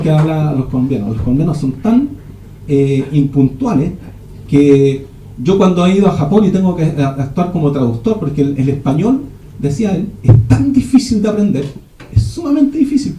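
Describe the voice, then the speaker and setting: A man's voice: on the high side, mellow, slight background noise. A man giving a rambling teaching talk at a men's church retreat, often restarting his sentences. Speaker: retreat speaker. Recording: echoey room.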